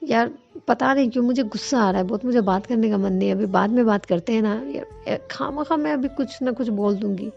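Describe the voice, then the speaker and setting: A woman's voice: a little high, fairly quick, creaky, darkish tone, lo-fi sound. A woman voicing a young woman who is a curt, teasing, sulky girlfriend. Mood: irritated.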